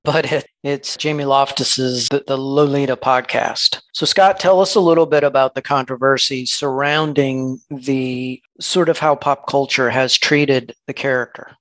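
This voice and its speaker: Male podcast co-host, mid pitch, careful and reflective delivery, dry recording. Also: steady tone, unhurried, hardly any pauses, no room sound. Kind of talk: casual literary discussion.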